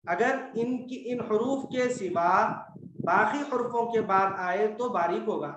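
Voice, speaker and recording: A man teaching Quran recitation rules in a patient, repetitive classroom style, slowly stretching out the example words. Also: sits high, a bit bright, far from the mic, muffled recording, a little hiss or hum. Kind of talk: classroom lesson on tajweed rules. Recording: echoey room, voice from off the mic.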